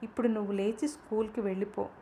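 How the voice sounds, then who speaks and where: A woman reading a gently coaxing father. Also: mid-range voice, level tone, fast talker, a little hiss or hum, natural voice. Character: loving but harried father, adult man.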